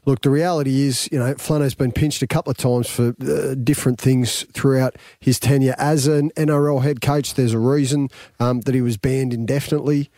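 A man's voice: medium pitch, fairly even intonation, brisk, few pauses, mellow, no room sound, studio quality. An Australian-accented man speaking as a sports panellist, giving opinions in a blunt, emphatic way.

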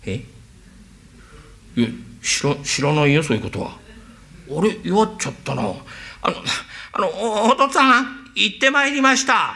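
A man's voice: sing-song, normal speed, gravelly, pauses often, bright, forceful tone, exaggerated voice. A man doing a boastful Edo chatterbox. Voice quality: fawning and boastful, swings in pitch. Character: chatty, boastful male hanger-on who mimics voices. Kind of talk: rakugo storytelling.

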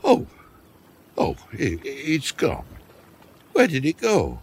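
An actor playing a hungry, dizzy old man drifting in a boat, slow and wistful, in a children's audio story. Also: mid-range voice, wildly swooping pitch, slight background noise, heavily acted. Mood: dismayed.

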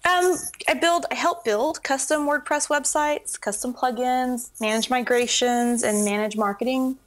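A middle-aged woman, a web entrepreneur, chats casually as an interview guest, telling animated stories and acting out her own past thoughts as quotes. Her voice is high and a little slow.

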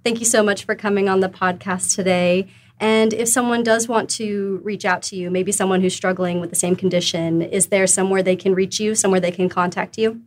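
A woman's voice: mid-range voice, steady tone, brisk, few pauses. A woman hosting a podcast, thanking her guest and reading the outro. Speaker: podcast host.

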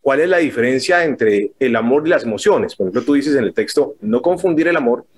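Male interviewer, mid pitch, thoughtful and hesitant, conversational questions. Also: animated, fairly quick, darkish tone, breathy edge.

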